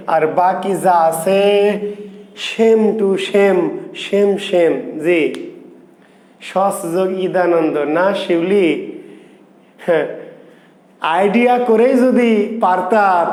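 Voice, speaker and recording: A man's voice: high voice, darkish tone, reverberant. A man teaching grammar, playful and teasing, quizzing students by name. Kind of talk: online grammar lesson.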